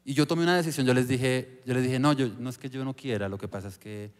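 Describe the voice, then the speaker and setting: A young man recounts his story before a church audience. He speaks earnestly, stumbling and restarting as he searches for words. His voice sits at an ordinary pitch and rings out in a large, reverberant hall. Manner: earnest, halting with frequent restarts. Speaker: panel guest giving testimony.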